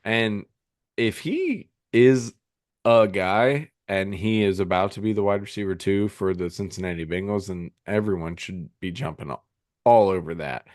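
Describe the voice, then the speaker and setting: A man with a low voice, hiccuping as he talks sports in a loose, rambling way. He chats casually, full of ums and restarts, on a dry, close microphone. It sounds like a remote podcast call. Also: normal speed, darkish tone, dry recording. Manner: rambling, filler-heavy, frequent restarts. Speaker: podcast co-host. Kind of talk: casual fantasy football chat.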